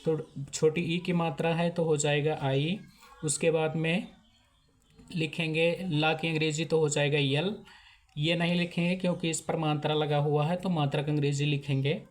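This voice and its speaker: Male teacher, slightly high voice, slow repetitive step-by-step delivery. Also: little pitch movement. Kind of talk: handwriting lesson.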